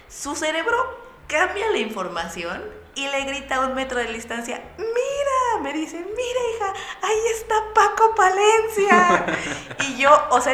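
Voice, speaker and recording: A young woman with a Mexican Spanish accent, telling a lively anecdote to friends and acting out the voices of the people in it. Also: medium pitch, echoey room, slight background noise. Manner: lively storyteller acting out voices with bursts of laughter.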